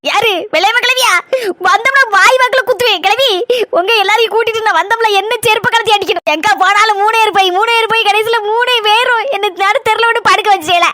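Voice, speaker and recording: A woman with a plays a loud, dramatic village woman in a comedy sketch, scolding and lamenting. Her voice is very high and sharp. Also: fast, a little hiss or hum. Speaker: comedy sketch performer playing several village women. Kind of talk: village comedy skit acting.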